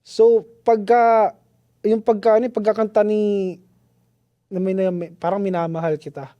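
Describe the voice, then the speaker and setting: A man guest on a podcast, telling a story in a casual, slangy, animated way with lots of restarts. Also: high-pitched, moderate pace, no room sound, muffled recording. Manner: animated, slangy, keeps saying "tol"; restarts and trails off often.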